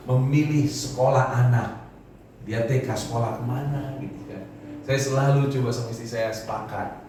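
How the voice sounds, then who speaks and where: A middle-aged male pastor gives a chatty, story-driven sermon and acts out the voices of the people he quotes. His voice rings through a very reverberant church hall from a distance, with clear noise beneath. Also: medium pitch, fairly even intonation, moderate pace, dark tone. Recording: echoey hall, voice from far off.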